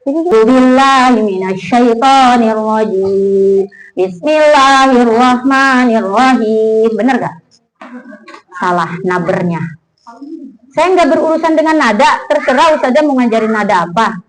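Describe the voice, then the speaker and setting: An Indonesian woman teaching Quran recitation, chanting verses slowly and then correcting pronunciation in quick, insistent speech. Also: fairly high pitch, animated, soft background music, low-quality recording. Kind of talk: tajwid lesson with recitation drills.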